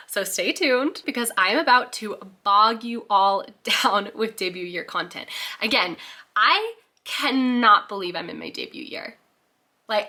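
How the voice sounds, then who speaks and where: A woman's voice: a little high, sharp tone. A young woman chatting casually to camera in a vlog, bubbly and gushing, laughing often and getting a little emotional. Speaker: author vlogger.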